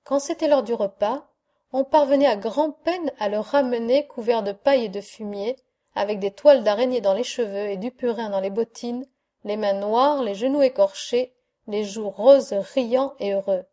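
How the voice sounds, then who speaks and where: Woman audiobook narrator, measured and expressive, mellow fairly high voice. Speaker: audiobook reader.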